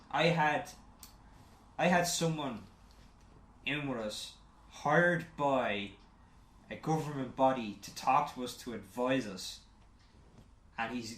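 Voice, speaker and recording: A man co-hosting a casual gaming podcast, blunt and quick to swear. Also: mid-range voice, a bit bright. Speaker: podcast co-host. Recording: roomy with faint hiss.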